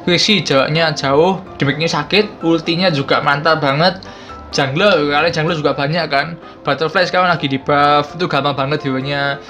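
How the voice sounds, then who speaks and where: A man's voice: on the high side, fairly even intonation, moderate pace, sharp tone. A man in his twenties with a speech impediment that blurs his r and l, chatting casually to viewers as a gaming YouTuber. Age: 20s. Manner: chatty, informal, addresses viewers as friends. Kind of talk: casual explainer to camera. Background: background music.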